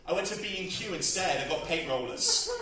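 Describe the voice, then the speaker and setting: A man's voice: sits high, expressive, a little fast. Brash, breathless stand-up man. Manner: brash, crude, self-mocking, bursts into shouts. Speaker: stand-up comedian. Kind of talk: stand-up comedy set. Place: comedy club stage. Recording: echoey club, far from mic, loud crowd. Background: audience laughter.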